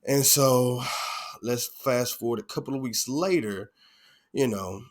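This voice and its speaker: A man telling a personal story to camera, earnest and animated, often laughing and acting out quotes. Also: medium pitch, slow. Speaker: vlogger.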